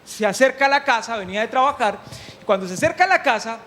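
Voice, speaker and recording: High-voiced preacher, animated. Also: male voice, quick pace. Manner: animated, humorous, questions the congregation. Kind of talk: sermon. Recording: long hall reverb.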